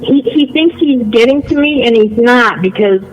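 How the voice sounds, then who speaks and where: A man's voice: extremely high pitch, animated, moderate pace, muffled recording, slight background noise. A man chatting casually on a call-in, insistent and defensive, often repeating himself. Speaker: online video creator.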